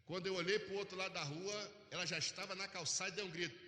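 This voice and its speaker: A man preaching a Pentecostal sermon, telling a story with lively acted-out dialogue that builds to shouting. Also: sits high, fast talker. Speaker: pastor. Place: large church sanctuary. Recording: roomy echo with long hall reverb.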